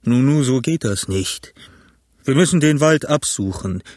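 A scheming pirate captain, bold and defiant, who blusters his crew along, as a man reading the story puts him on. The voice is husky and sits close to the mic with no room sound. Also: medium pitch, expressive, measured pace, darkish tone, no room sound. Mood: uneasy, reasoning.

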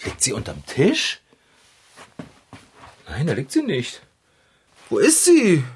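An actor playing an excitable, dramatic young bicycle mechanic in a radio play. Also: mid-range voice, takes it slowly, slight background noise. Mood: worried.

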